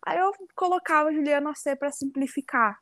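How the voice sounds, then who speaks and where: A woman's voice: high-pitched, fairly quick, fairly bright tone, no echo, studio quality. A young woman from Rio de Janeiro with a Carioca accent, chatting reflectively as an interview guest. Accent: Carioca Brazilian Portuguese. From Rio de Janeiro, Brazil. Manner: chatty, reflective, frequent tag questions. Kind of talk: casual interview conversation.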